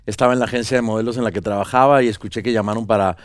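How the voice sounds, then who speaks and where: A Venezuelan man in his thirties, a guest on a studio talk show, speaking casually into a headset mic. He rambles in a relaxed way, often trailing into fillers and restarting his sentences. The sound is dry and close. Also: lowish voice, racing, no echo. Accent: Venezuelan Spanish. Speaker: guest actor. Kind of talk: casual interview chat. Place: pink-decorated talk show studio set. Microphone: small headset mic.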